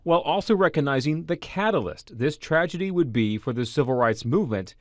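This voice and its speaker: A man reading a scripted radio news feature in a solemn, measured manner. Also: on the high side, animated, no room sound, clean studio sound. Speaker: reporter and narrator.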